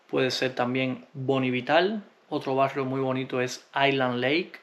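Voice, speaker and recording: A man from Cuba, answering viewer comments in a relaxed, unhurried vlog, often pausing with hesitations. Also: medium pitch, dull audio. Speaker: vlogger.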